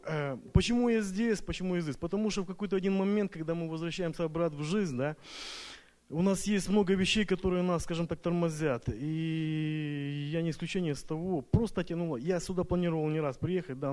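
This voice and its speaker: Fairly quick and fairly high-pitched, with a darkish tone, a man offers his church retreat testimony in Russian, his non-native language. He is nervous and halting, with many fillers and fresh starts.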